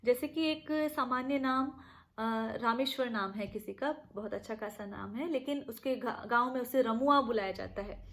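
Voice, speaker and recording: A woman teaches a college class from home. Her voice sits a little high for a woman. She explains step by step, often hesitating on fillers and restarting her phrases. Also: moderate pace, a bit bright. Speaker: college lecturer. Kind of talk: online linguistics lecture.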